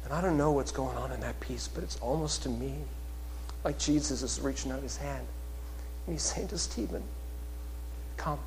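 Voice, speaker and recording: Male preacher delivering a sermon in a church; slow pacing, shifting from quiet storytelling to loud proclamation, long reverb. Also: fairly high pitch. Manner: swings from hushed, soft storytelling to loud, rising proclamation. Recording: long reverb of a large hall.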